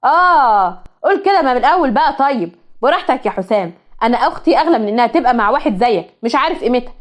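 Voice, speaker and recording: A woman's voice: high-pitched, expressive, rapid-fire. A woman with an Egyptian accent voicing a protective young brother who speaks bluntly and indignantly. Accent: Egyptian Arabic. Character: protective older brother, angry young man.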